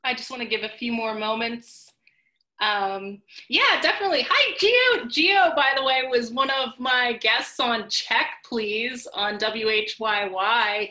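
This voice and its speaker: A woman's voice: fairly high pitch, pushed and bright, reverberant. A woman hosting a live online cooking class on a video call, chatty and upbeat with lots of fillers. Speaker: host.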